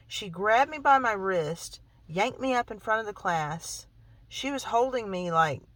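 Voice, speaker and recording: A woman's voice: medium pitch, no echo, rough recording. Woman vlogger, mid-range voice, emphatic and shaken storytelling, close dry recording. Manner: emphatic, repetitive, keeps adding "okay?" and "really"; emotionally shaken when recounting hurt. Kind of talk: personal storytelling to camera.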